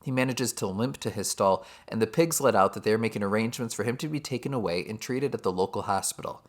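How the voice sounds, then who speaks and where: A man with a fairly low voice reads a prepared literature summary like a teacher. His delivery is steady, and he drops wry, sarcastic asides along the way. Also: fast talker. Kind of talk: scripted book summary narration.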